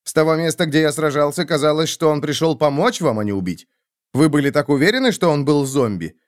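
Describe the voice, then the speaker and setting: A man's voice: on the high side, expressive, fairly quick, pitched above the performer's own voice, lightly acted. A man voicing a young swordsman in an audiobook, asking pointed, accusing questions.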